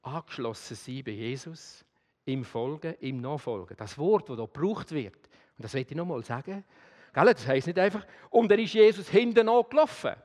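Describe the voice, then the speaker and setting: A man with a Swiss German accent preaching a sermon, swinging between loud emphasis and quiet, intimate address. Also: a little high, expressive, moderate pace, long reverb tail.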